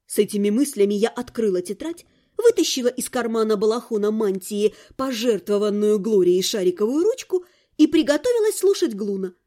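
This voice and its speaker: A woman's voice: a little high, expressive, fairly quick, dark tone. A woman reading a first-person audiobook in an ironic, colloquial storytelling manner. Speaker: audiobook narrator.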